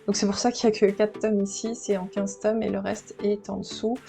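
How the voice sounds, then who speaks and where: A woman giving a casual, enthusiastic home vlog tour of her bookshelves in her living room, filming with a handheld camera and pausing with fillers as she talks. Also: medium pitch, little pitch movement, gravelly, mellow. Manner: chatty, enthusiastic, filmed while handheld, with filler pauses. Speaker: manga collector vlogger. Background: background music.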